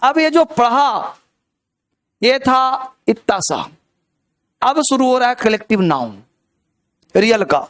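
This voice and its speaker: Teacher in a classroom, man with a very high, smooth, clear voice who keeps quizzing his students. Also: animated, slow pace, pauses often, fairly bright tone. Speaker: English grammar teacher. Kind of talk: live classroom lecture.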